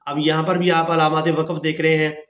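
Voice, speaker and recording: A man teaching tajweed, spelling out letters and vowel marks, then chanting each verse slowly and melodically. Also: fairly high pitch, level tone, a bit bright. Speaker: Quran recitation teacher. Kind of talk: tajweed lesson with chanted recitation. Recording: echoey room.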